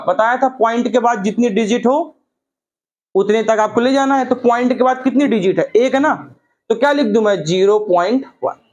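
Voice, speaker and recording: A man's voice: high-pitched, darkish tone. A middle-aged man giving a classroom physics lecture, explaining step by step and often addressing his students as children. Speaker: physics teacher.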